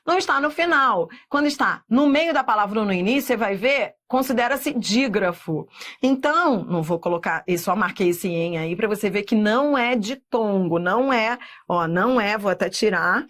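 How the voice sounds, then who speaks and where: A middle-aged woman with a Brazilian Portuguese accent, teaching a recorded exam-prep lesson and drawing words out slowly, often checking in with "tá?". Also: mid-range voice, lively intonation, fairly bright tone. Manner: slow, drawn-out spelling of words with frequent checks like "tá?".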